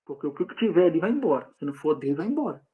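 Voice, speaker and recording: A man's voice: fairly high pitch, very animated, racing, husky, narrow, tinny audio. A Brazilian man with a Brazilian Portuguese accent, preaching earnestly and informally on a live devotional podcast, rambling and repeating himself.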